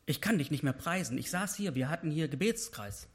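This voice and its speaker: A man's voice: fairly high pitch, expressive, fairly quick. Impassioned German-speaking man preaching. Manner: impassioned, rising to emphatic peaks when voicing prayers. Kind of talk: personal devotional sermon.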